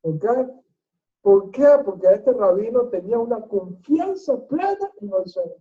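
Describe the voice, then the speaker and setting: A Torah teacher telling a story in a sermon, animated and repeating phrases in a rhythmic way. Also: medium pitch, measured pace. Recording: tinny phone-like sound.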